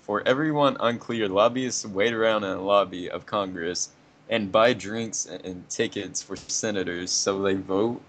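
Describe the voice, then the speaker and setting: A man's voice: lowish voice, a little slow, fairly bright tone. A young man reading a story aloud casually, with sarcastic asides that mock the text. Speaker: co-reader of a dramatic fan fiction reading.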